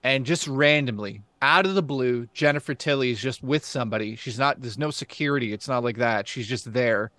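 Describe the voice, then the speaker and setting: A man hosting a casual podcast, telling a story excitedly. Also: mid-range voice, a little fast, hardly any pauses, no room sound.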